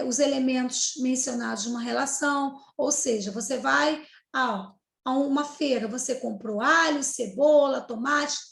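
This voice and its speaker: A woman's voice: sits high, vocal fry. A woman with a Brazilian accent, a Portuguese teacher explaining grammar step by step and checking in often with her class. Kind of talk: recorded grammar lesson for 7th grade. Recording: echoey room.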